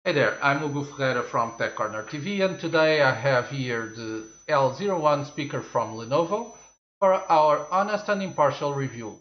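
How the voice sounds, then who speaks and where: Sitting at his studio desk, a tech reviewer in his forties whose native language is Portuguese unboxes a product, chatting slowly and casually and filling his thinking-aloud with fillers. His voice runs a little high, and the audio is echoey, slightly dull, with faint hiss or hum.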